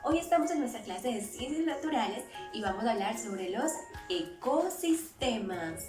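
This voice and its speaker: A woman's voice: on the high side, animated, fairly quick, reverberant. Sing-song woman welcoming children, music behind. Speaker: children's science teacher and host. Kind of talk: lesson for young children.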